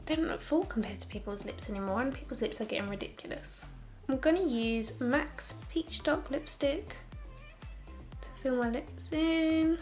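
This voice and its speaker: A woman's voice: high voice, normal speed, a little mellow, faint music behind. A young woman talking through a makeup tutorial in a casual, candid way, with sarcastic asides.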